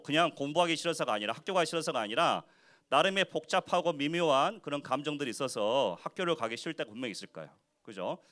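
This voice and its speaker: A man giving a children's sermon as pastor in church, animated and constantly asking the kids questions. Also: a little high. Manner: acts out quoted speech in short voices. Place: church worship service for children.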